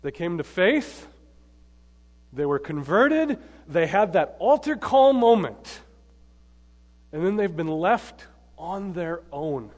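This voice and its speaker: Man delivering a lively sermon, slightly high-pitched, punchy swings in volume, audience questions, echoing hall. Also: takes it slowly, long pauses. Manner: emphatic, swings between loud and quiet, quizzes the audience. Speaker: preacher. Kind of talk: sermon to a live congregation. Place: large church hall. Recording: long hall reverb.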